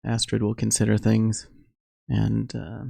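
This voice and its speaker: A man narrating a solo tabletop game as game master, relaxed and halting. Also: on the low side, vocal fry, no echo.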